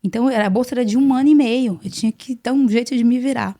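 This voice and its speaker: This is a gravelly, fry-tinged Brazilian woman in her forties, a podcast guest who recounts her life in an earnest, animated way. Her voice is dark and mellow, and she keeps repeating words as she talks. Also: fairly high pitch, fast talker. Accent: Brazilian Portuguese. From Brazil (Salvador, Bahia). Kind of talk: casual interview storytelling.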